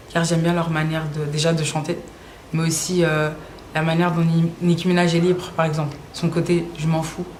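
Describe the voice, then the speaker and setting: Her voice sits low, and a little background noise can be heard as this young woman from Brussels, Belgium, answers casual interview questions about her music. The room echoes, and she comes across as relaxed and slangy, hesitating often.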